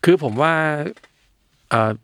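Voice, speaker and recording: A man's voice: takes it slowly, no echo. Chill guy just talking it out, swears here n there, lots of umms, dead dry room. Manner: relaxed, frank, swears casually, thinks aloud with fillers. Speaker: brand founder. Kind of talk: casual interview talk.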